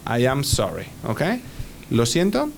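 Male radio English teacher, mid-pitched, patient, spells things out. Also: wildly swooping pitch, slow, creaky, slight background noise. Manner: patient, spells words letter by letter, frequent "ok?". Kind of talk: radio language lesson.

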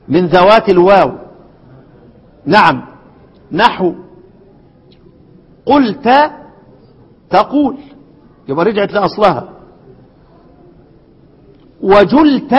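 A man with an Egyptian accent teaching Quran recitation to a class, asking questions and dropping into slow chanted verses. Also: sits high, dull audio. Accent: Egyptian Arabic. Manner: asks the class questions and repeats answers. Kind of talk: classroom lesson. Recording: long hall reverb.

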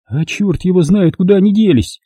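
A man's voice: sits high, brisk, mellow, husky, dry recording, studio quality, voice pushed up. A man reading an audiobook, voicing a desperate, tearful young housemaid who pleads bitterly. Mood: pleading.

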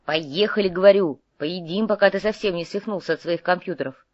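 A woman's voice: fairly low pitch, a little fast, a little mellow, dry recording, muffled recording, natural voice. A woman voicing a lazy, always-hungry male fortune-teller mage who whines and teases. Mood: coaxing. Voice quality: whiny, teasing.

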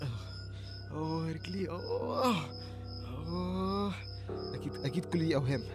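A young man with an Egyptian Arabic accent playing a frightened man lost in dark fields in an audio horror drama. He stammers and restarts in panicky, breathless talk to himself. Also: fairly high pitch, moderate pace, natural voice. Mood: terrified. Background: faint music and chirping crickets.

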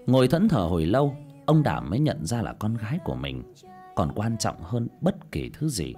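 A man narrating an audiobook in an expressive storytelling manner. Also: lowish voice.

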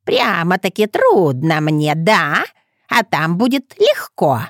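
A woman voicing a sly, hunched ancient village witch woman who talks in a slow, creaky, mocking way. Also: lowish voice, wildly swooping pitch, a bit bright, dry recording, clean studio sound, exaggerated voice.

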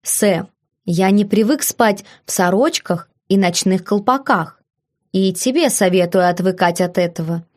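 A woman voicing a self-assured young husband who speaks in a lazy, unhurried, mocking tone. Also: mid-range voice, a little mellow, no echo, clean studio sound, lightly acted. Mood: teasing.

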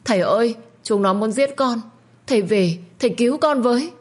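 A woman voicing a defiant young female servant in an audio story, shouting and shrieking frantic accusations. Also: lively intonation, normal speed, slightly rough. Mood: sobbing plea. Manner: screaming accusations, shrill and frantic.

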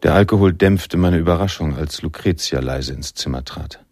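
An actor with a very deep voice plays a world-weary, reflective male narrator in a noir radio drama, speaking at normal speed over music. He tells the story in literary prose, and the mood is reflective and melancholy.

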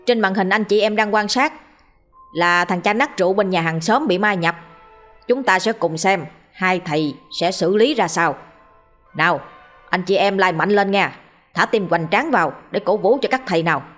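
A woman's voice: mid-range voice, normal speed, fairly bright tone, soft background music, natural voice. A woman voicing a brash middle-aged man who hypes his livestream audience, in a showy way. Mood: hyping.

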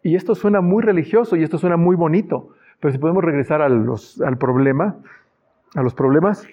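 Male pastor delivering an earnest sermon, fairly high voice, muffled lo-fi recording. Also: a little fast, dark tone. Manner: earnest, reads Bible passages aloud and adds asides. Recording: dull lo-fi sound.

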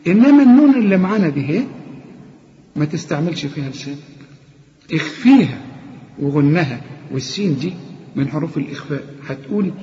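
High-voiced Egyptian man teaching recitation. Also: expressive, warm tone. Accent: Egyptian Arabic. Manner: explains step by step, then chants words slowly. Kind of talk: tajweed lesson with chanted examples. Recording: dull lo-fi recording with long reverb.

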